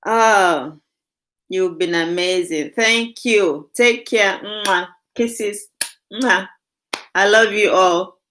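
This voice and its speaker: A woman's voice: mid-range voice, drawn-out words, fairly bright tone. A young woman hosting a casual live stream, gushing with thanks to her viewers.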